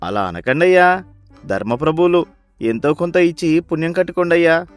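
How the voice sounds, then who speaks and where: A man's voice: on the high side, expressive, normal speed, dry recording, soft background music, close to an everyday voice. A man voicing a poor, hungry beggar who pleads humbly for food in a storybook tale. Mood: pleading. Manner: pleading, repeatedly begging for alms. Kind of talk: storybook voice acting.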